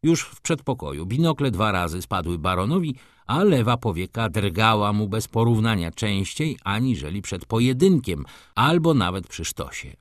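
A man reads a classic novel aloud with expressive, theatrical storytelling. His pitch rises and falls in an animated way. The recording is close and dry, with no room sound. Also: normal speed, hardly any pauses, no echo. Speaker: audiobook narrator. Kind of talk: scripted narration of a classic novel.

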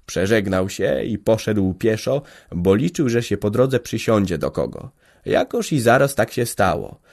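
A man narrating a classic novel as an audiobook in a measured, even storytelling manner. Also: fairly low pitch, gravelly.

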